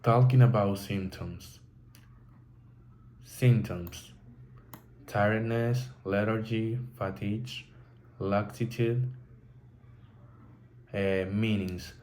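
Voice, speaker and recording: A man teaching a vocabulary lesson, reading from a textbook carefully and pausing to restart words. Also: lowish voice, fairly even intonation, a little mellow.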